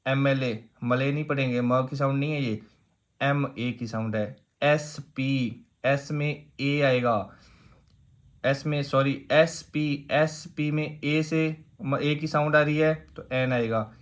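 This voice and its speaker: A man's voice: medium pitch, steady tone, slow pace. A man teaching an exam-prep grammar lesson, explaining step by step, asking rhetorical questions and repeating key points.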